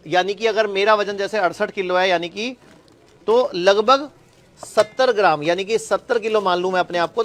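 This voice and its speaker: A man's voice: high-pitched, a bit bright. A man giving an explanatory health talk to the camera from a hospital campus, restating each point in simpler words. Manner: explanatory, repeats points with "yani ki". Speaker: health speaker.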